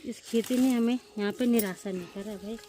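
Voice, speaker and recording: A woman's voice: on the high side, brisk, mellow, slight background noise. A woman from the Uttarakhand hills talking casually and matter-of-factly outdoors in a farm field. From Uttarakhand hills, India. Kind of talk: casual side conversation.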